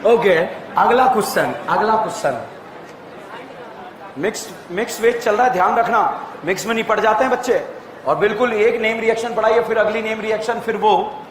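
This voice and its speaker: A man teaching chemistry to a class, firing rapid repeated questions at students, joking and often calling out loudly. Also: high-pitched. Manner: jokey, often calls out loudly. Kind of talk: lively classroom lecture. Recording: echoey room with crowd noise.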